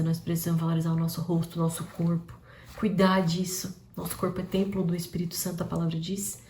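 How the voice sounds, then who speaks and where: A woman's voice: on the low side, dark tone. A woman giving a devotional live-stream talk, asking her viewers rhetorical questions in a conversational way. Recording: roomy with faint background noise.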